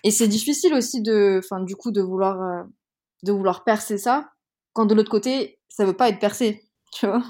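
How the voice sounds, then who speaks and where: In a casual interview, a young Malagasy woman talks at normal speed in a warm, mid-range voice. She is frank and heated, often using fillers and restarting her sentences.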